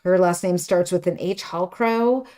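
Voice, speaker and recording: A woman's voice: lowish voice, unhurried, warm tone. A woman hosting a knitting livestream from her studio, chatting casually and rambling through asides. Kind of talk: casual live-stream chat.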